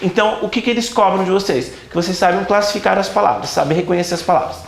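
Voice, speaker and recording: A man's voice: high voice, racing, creaky, reverberant, slight background noise. A man teaching a grammar class, emphatic and repetitive, checking often whether students follow. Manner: emphatic, repeats key points with rhetorical checks. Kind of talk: classroom lecture.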